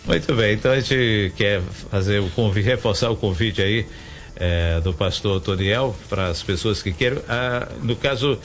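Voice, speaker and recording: A man's voice: on the low side, normal speed. A middle-aged man hosting a local radio interview, chatty and rambling with many restarts. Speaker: radio host.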